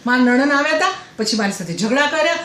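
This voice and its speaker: Woman doing a gossipy auntie housewife going on about her in-laws, kinda high voice, repeats stuff, echoey room. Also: expressive, fast, a bit bright. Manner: chatty, repeats herself, breathless. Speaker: comedian. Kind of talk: comic character monologue. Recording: roomy echoey recording, faint noise.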